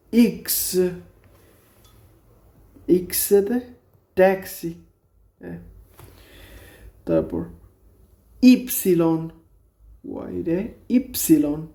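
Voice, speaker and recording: A man teaching a beginner's language lesson, naming each letter slowly and repeating every example word. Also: fairly high pitch, warm tone. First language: Bengali. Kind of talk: slow spoken language lesson.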